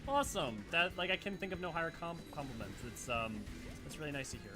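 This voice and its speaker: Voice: mid-range voice, animated, fast talker. Casual streamer chatting over game music. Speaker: streamer who voices game characters. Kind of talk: casual game livestream chat.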